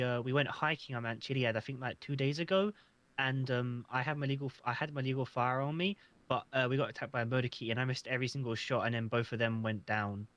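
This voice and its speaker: An earnest man answers interview questions, stumbling and restarting as he goes. His voice sits at a middle pitch. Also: a bit bright. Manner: hesitant, stammering, earnest. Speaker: job applicant. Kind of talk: casual roleplay interview.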